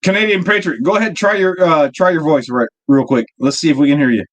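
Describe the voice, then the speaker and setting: A man's voice: fairly high pitch, fast, slight background noise. A man hosting a casual live stream from his home workshop, brash and swearing freely. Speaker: stream host. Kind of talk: casual chat.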